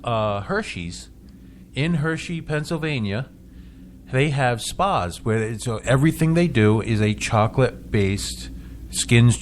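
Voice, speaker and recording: A man of middle pitch talks casually as a local radio host, tripping over his own words and restarting, chuckling as he goes. A faint hiss of noise sits under the voice. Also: lively intonation, measured pace. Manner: chatty, stumbling restarts, chuckles often.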